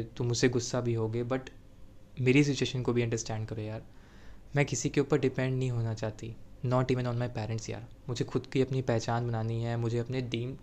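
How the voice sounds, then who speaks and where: Tender pleading young woman, a man reading her lines, slow and soft-spoken, storytelling voice, ordinary middle pitch. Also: close to an everyday voice. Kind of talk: storytelling role-play.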